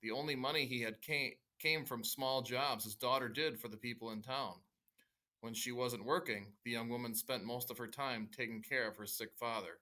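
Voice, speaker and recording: A man reading a novel aloud to students in the voice of a young man recounting his family history, in a raised, louder storytelling voice. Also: mid-range voice, steady tone, normal speed, natural voice. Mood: earnest.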